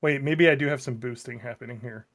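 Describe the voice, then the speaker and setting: A man talking casually through a mic with uneven automatic gain control, his level jumping up and down as he rambles and troubleshoots out loud. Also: mid-range voice, quick pace, a loud crowd. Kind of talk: casual tech setup chat. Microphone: desk microphone through an audio interface.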